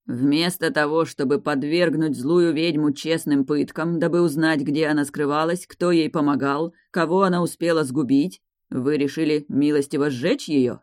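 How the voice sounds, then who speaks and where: A woman's voice: low voice, steady tone, darkish tone, no echo, studio quality, close to an everyday voice. Lorenzo, a woman voicing a drawling mocking lord. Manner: slow, drawling, coolly ironic. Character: mocking stern male lord on horseback.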